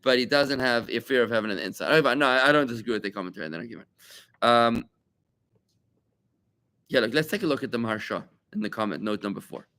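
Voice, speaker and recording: A male rabbi leading a Talmud study class in a room with his students. His voice sits in an ordinary middle pitch. He talks in an animated way, firing off rhetorical questions and repeating key points to drive them home. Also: fast talker, pauses often. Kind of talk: lively classroom teaching.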